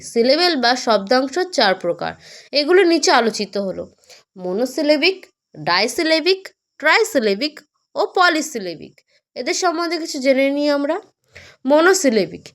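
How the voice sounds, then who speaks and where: Woman teacher, high voice, talks right to you, slows way down on example words. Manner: slow, syllable-by-syllable example words; addresses the viewer directly. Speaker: English teacher. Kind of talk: explanatory lesson narration.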